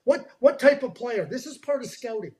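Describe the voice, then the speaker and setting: Animated, high-voiced man talking hockey scouting. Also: normal speed. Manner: animated, emphatic, repeats words. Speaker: hockey draft analyst. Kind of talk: podcast chat.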